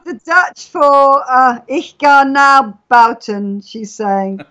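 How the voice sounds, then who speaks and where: A native English speaker with a high, slightly bright voice chats on a live stream, telling stories and explaining things slowly with lively intonation. It's casual talk captured in dull lo-fi internet audio.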